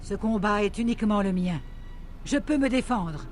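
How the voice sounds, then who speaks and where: A woman playing a stern, cryptic old mentor in a video game, speaking in measured, solemn pronouncements. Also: medium pitch, lively intonation, soft background music, close to an everyday voice. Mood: grave. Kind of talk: video game dub dialogue.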